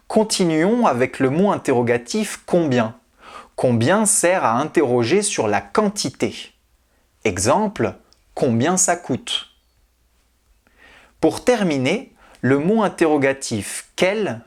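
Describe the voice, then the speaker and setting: A teacher narrating a scripted French grammar lesson, reading out example questions and their answers in a deliberate way. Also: medium pitch, a little mellow.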